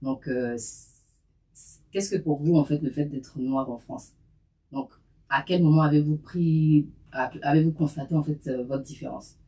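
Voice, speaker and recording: A man's voice: a little high, fairly even intonation, measured pace, warm tone. A man hosting a sit-down discussion podcast, talking hesitantly with many fillers. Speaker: podcast host.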